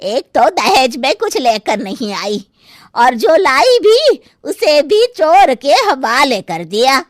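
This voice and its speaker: A greedy, stingy mother-in-law who grumbles about money and dowry. She talks slowly and high, with a dry close sound. It is a cartoon story voice. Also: sing-song, dry recording, heavily acted. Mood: grumbling. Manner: slow, grumbling, complaining. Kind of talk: animated story voice acting.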